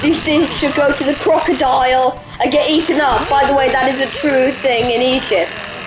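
A young woman doing excitable, playful let's-play commentary, taunting the enemies she fights. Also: high-pitched, moderate pace, background noise. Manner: excitable, playful trash-talk at game enemies. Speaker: gaming YouTuber. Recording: game music playing behind. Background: game music.

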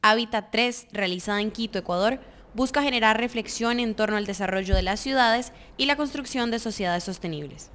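A woman narrating a news report in a brisk, formal voice-over. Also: fairly high pitch, fairly bright tone.

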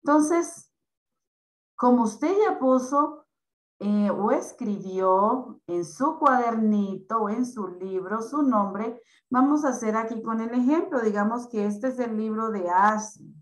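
A woman teaching young children in an online class, explaining slowly and patiently. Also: fairly high pitch, reverberant, rough recording. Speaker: primary school teacher.

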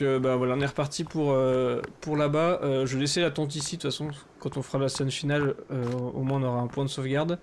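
A man commentating his solo survival game, chatty and rambling with many fillers, often breaking into excited shouts. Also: on the high side, slight background noise. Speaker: gaming YouTuber.

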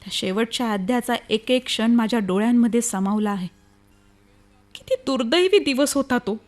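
An actress plays an anguished young woman in an old-fashioned radio play. Her voice is high and emotional. She speaks in halting, dramatic phrases, weighed down by grief for her sister. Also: animated, noisy background, close to an everyday voice. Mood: sorrowful. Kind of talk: radio play acting, old radio show manner.

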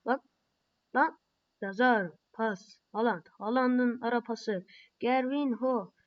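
A woman playing a mobile football game, calling her own plays and reacting with excited and frustrated outbursts. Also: on the high side, slow pace, highs cut off, slight background noise.

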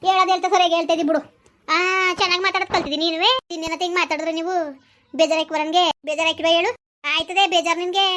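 A high-pitched woman rattles off village comedy dialogue at a brisk clip. Her talk is scolding and taunting, the banter of a household quarrel played for laughs. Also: fairly even intonation, fairly bright tone. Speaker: village comedy skit performer. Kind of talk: rural comedy skit, bickering dialogue.

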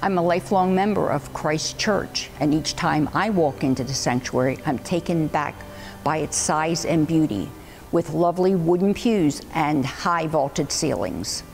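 Older lady describing her church, low gravelly voice, soft music behind. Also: animated, unhurried, low-quality recording. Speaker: lifelong church member. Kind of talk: interview. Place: inside a large church sanctuary.

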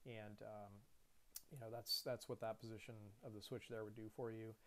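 Gravelly-voiced man explaining cockpit switches. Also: lowish voice, normal speed. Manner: relaxed, many fillers and restarts. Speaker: airline pilot explaining the cockpit. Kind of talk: casual screen-share lesson.

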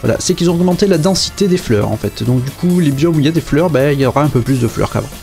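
A man's voice: on the high side, expressive, fast, vocal fry, darkish tone, faint music behind. A man casually commenting on a game as he plays, chatty and hesitant, with many fillers and joking asides. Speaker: game video presenter.

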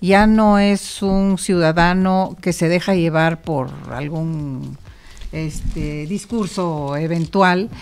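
A woman's voice: lowish voice, slow, a little mellow, a little hiss or hum. A middle-aged woman with a Mexican Spanish accent speaking earnestly as a guest on a radio panel. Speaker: panel guest, business founder. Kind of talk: casual panel discussion. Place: radio studio. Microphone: studio mic close up.

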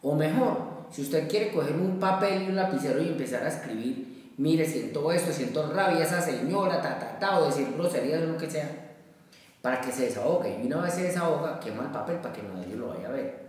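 A man, a therapist, giving a measured self-help talk with everyday examples and frequent check-ins. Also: a little high, lively intonation, darkish tone. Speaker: therapist giving a daily exercise. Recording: very echoey, roomy, slightly distant from the mic.

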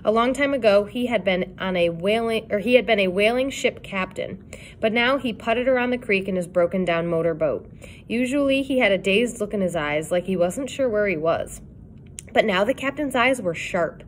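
A woman reading a novel aloud in an even, clear narrating voice. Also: medium pitch, moderate pace, a little hiss or hum. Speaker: reader.

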